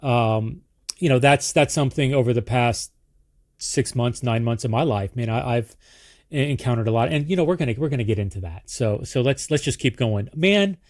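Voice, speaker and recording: A man's voice: mid-range voice, normal speed, a little mellow. A man hosting a podcast, chatting casually and rambling with many restarts and repeated words. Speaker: podcast host. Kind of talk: casual interview chat.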